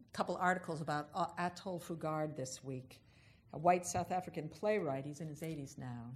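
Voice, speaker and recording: A woman giving an unhurried, thoughtful spiritual talk, stretching out the words she wants to stress. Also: lowish voice. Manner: unhurried, thoughtful, drawn-out emphasis on key words. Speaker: speaker giving a reflective address.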